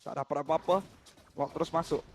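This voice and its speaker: A man with a Malaysian accent giving live esports commentary and analysis, excitable and given to repeating short exclamations. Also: fairly high pitch, brisk.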